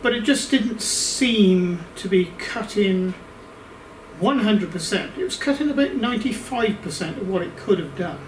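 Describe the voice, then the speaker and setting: A man's voice: sits high, animated, unhurried, a little hiss or hum. A man with an Australian accent reviewing a machine in his workshop, casual and rambling, with plenty of ums and restarts. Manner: rambling, hesitant, many fillers and restarts. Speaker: workshop YouTuber. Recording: roomy workshop, mic at a distance.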